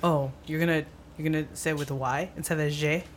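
A woman's voice: low voice, fast, a little hiss or hum. A woman co-hosting a podcast in casual chat, telling stories with lots of laughter. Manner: giggly, animated storytelling. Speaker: podcast co-host.

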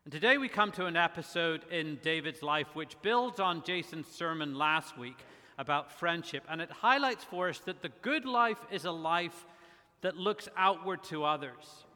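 Bright-voiced middle-aged man preaching in a hall. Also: a little high. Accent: faint Northern Irish. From Northern Ireland. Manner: measured, with frequent "uh" fillers. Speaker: guest pastor. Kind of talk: sermon. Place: church sanctuary. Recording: long church reverb.

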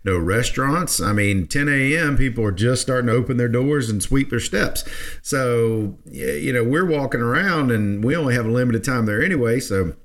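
A man's voice: medium pitch, moderate pace. A man from South Georgia, hosting a podcast in casual, rambling chat full of restarts. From South Georgia, USA. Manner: rambling, folksy, with many restarts. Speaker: podcast host.

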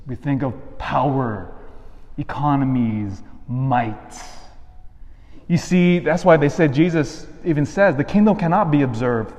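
A man's voice: mid-range voice, darkish tone, highs cut off. Priest preaching in long cathedral echo, man's voice. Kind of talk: scripture reading and homily. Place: large reverberant church.

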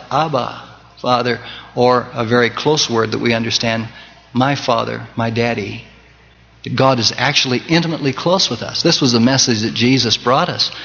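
A male pastor delivering a Sunday sermon, swinging from loud emphasis to soft, close tones and quoting scripture in old-fashioned cadence. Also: a little high. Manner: preaching with wide swings in loudness and emphasis. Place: church sanctuary. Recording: dull 1980s church tape with long reverb.

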